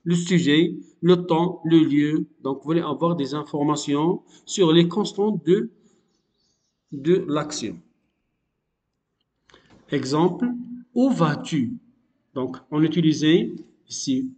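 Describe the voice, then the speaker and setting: A man with a fairly high voice explains a grammar lesson in a patient, repetitive way, filling pauses with small words. His voice rings with a long echo around it. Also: darkish tone. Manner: patient, repetitive, many fillers. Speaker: teacher.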